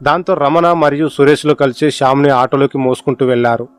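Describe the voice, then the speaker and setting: A man narrating a horror story in an expressive, dramatic storytelling manner. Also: mid-range voice, fairly quick, smooth, no echo. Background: faint music.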